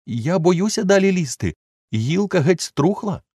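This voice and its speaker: A man voicing a fearful old male servant, in a high plaintive voice for an audiobook. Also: sing-song, a little slow, darkish tone, breathy edge, no echo, studio quality, heavily acted. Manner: plaintive, pleading, high squeaky voice.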